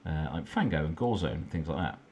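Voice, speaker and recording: A man hosting a late-night stream, chatting casually and amused as he browses, sometimes dropping quiet and offhand. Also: extremely low pitch, expressive, brisk, slight background noise. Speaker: host. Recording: faint background music. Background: faint background music.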